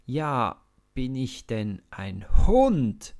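A man's voice: medium pitch, sing-song, extremely slow, darkish tone, pitched above the performer's own voice, full character voice. A man voicing a huge boastful giant warrior who bellows with scorn, in a storybook reading. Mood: scornful.

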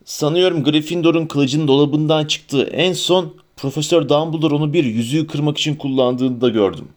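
A man's voice: on the high side, moderate pace, darkish tone, close to an everyday voice. A man voicing a haughty, disdainful old male portrait headmaster in an audiobook reading.

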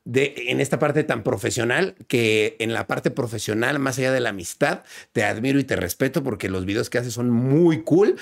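A man's voice: medium pitch, moderate pace, vocal fry, hardly any pauses. A man hosting a podcast, friendly and affirming, chiming in with short replies. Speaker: podcast host. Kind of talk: casual podcast chat.

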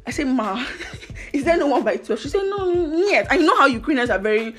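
A woman's voice: high voice, brisk, faint music behind. A young woman with a Nigerian accent casually telling anecdotes, expressively acting out what people said. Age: young adult. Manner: expressive, acts out quoted dialogue.

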